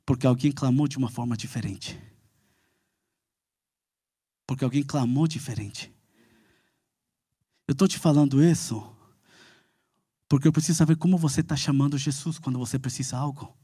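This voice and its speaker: A man's voice: mid-range voice, normal speed, long pauses, dark tone, husky, dry recording, studio quality. A man with a Brazilian Portuguese accent preaching a sermon, emphatic and repetitive, building to fervent calls and asking "amen?".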